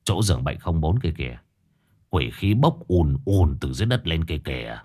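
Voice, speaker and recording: A man doing a blunt, stern ghost-hunting master. His voice sits very deep and speaks in a hushed, curt way, yet the pitch still swings with life. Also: lively intonation, moderate pace.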